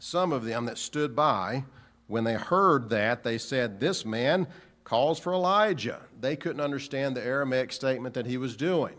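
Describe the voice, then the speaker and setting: A man's voice: mid-range voice, fairly bright tone. A man preaching a sermon in an earnest, searching way, asking rhetorical questions and often restarting phrases. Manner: halting restarts.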